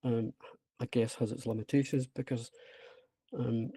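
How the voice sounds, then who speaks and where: A man's voice: medium pitch, level tone, measured pace, dark tone, breathy edge, no room sound. A man with a broad Scottish accent giving an informal online presentation, hesitant and self-deprecating but enthusiastic. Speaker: presenter, app creator. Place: remote online video call with screen share.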